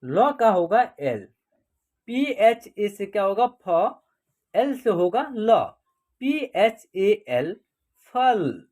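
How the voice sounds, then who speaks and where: A woman's voice: medium pitch, animated, slow pace, a little mellow. A woman teaching an online class, explaining step by step and asking questions that she then answers herself.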